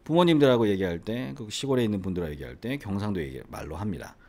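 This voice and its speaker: Talking casually to camera, a middle-aged man who owns and teaches at an English academy frequently throws rhetorical questions at the viewer. He's from the Gyeongsang region of South Korea with a faint local accent, and his lowish, dark-toned voice is expressive and quick.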